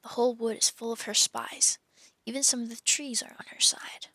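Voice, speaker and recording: A woman's voice: on the high side, level tone, normal speed, sharp tone, no echo, in a whisper. A woman voicing a timid, guilt-ridden male faun from a children's storybook in a fretful, earnest manner. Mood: hushed, wary.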